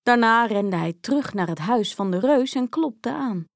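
A woman narrating a children's fairy tale in a slow, expressive storytelling manner, recorded dry and close. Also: a little high, gravelly, dry recording.

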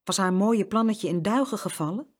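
A woman reading a children's story aloud as narrator, with expressive storytelling. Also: medium pitch, normal speed, slightly rough.

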